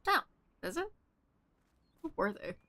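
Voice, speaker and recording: A young woman streaming a game, chatting casually, giggling, swearing a lot and getting excitable. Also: high-pitched, measured pace. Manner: giggly, excitable and profane, with frequent filler words. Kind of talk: casual gameplay commentary.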